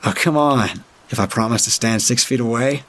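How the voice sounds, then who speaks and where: A man's voice: medium pitch, moderate pace, fairly bright tone, slight background noise, pitched above the performer's own voice, close to an everyday voice. A man voicing a pushy, tipsy young man who wheedles and leers in a story reading. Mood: wheedling.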